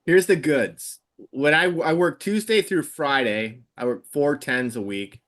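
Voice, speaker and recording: A man's voice: fairly high pitch, a little slow, a bit bright. A fifty-year-old man, a podcast guest, talking in an easygoing, blunt way in casual chat. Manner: easygoing, plain-spoken, gives blunt advice.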